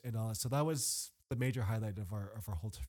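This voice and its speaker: A man's voice: on the low side, fast talker. A man, a podcast guest, chatting casually and telling stories animatedly, rambling with lots of restarts and fillers. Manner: animated storyteller. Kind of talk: casual chat.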